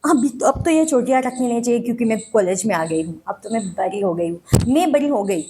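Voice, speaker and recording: A woman's voice: fairly high pitch, expressive, fast, warm tone, slight background noise, lightly acted. A woman acting as a young girl who misses her mother and pleads with her father in a dramatic audition monologue. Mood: pleading. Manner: pleading, childlike, with a lot of repeating. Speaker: actress auditioning.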